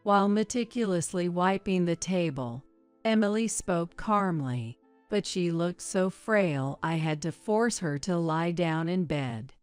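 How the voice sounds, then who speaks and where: A woman narrating a story in a measured, even way. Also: on the low side, clean tone, no echo, soft background music.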